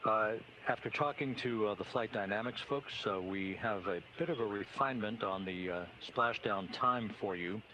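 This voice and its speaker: A man giving official status announcements from mission control over a relayed broadcast feed, measured and halting with frequent "uh"s. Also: on the low side, noisy background.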